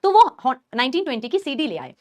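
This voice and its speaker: A woman teacher telling a story to her students in a live class, animated and acting out the scenes. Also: sits high, fast. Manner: animated, acts out scenes and shrieks.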